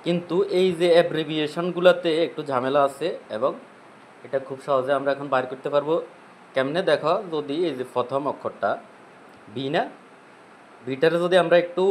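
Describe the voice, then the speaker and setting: A man's voice: on the high side, slight background noise, poor audio. A man teaching English grammar in Bengali with a Bangladeshi accent, explaining step by step and often asking his students if they follow. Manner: asks checking questions, repeats points. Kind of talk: classroom explanation.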